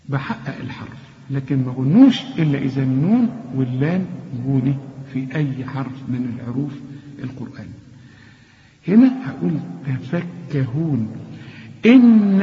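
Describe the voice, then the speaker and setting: A man with an Egyptian accent teaching Quran recitation, correcting mistakes and slowly demonstrating each word. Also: a little high. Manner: corrects learner's mistakes, demonstrates words slowly and repeats them. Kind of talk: tajweed lesson, explaining and modeling recitation. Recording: dull lo-fi recording with long reverb.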